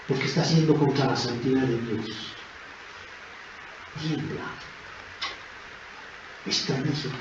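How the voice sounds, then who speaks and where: A man preaching a sermon in a church, emphatic and dramatic, dropping to soft asides and rising to loud exclamations. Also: mid-range voice. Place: church hall. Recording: echoey church, dull lo-fi sound, noisy.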